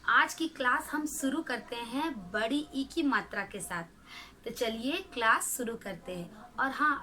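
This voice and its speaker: A woman with a high, bright voice teaches young learners at an unhurried pace. She draws each syllable out long and clear so children can say it back to her. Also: a little hiss or hum, poor audio. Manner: slow, drawn-out syllables for pupils to repeat. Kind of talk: children's Hindi lesson.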